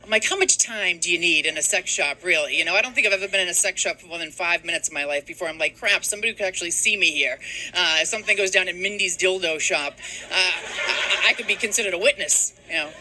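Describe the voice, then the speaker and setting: A woman comic in her thirties from Boston doing a stand-up set, telling stories in a deadpan way and dropping her voice low to mimic her mother. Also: fast talker, poor audio. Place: comedy stage before a live audience.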